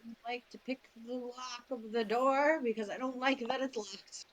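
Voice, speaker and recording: A woman's voice: a little high, steady tone, moderate pace. A woman playing a tabletop game over a video call, sounding muffled as if through a wall because she talks into a webcam mic. She jokes wryly. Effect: muffled, as if through a wall, from a webcam mic instead of a headset. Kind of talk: casual chat over a voice call. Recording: muffled webcam audio with faint noise.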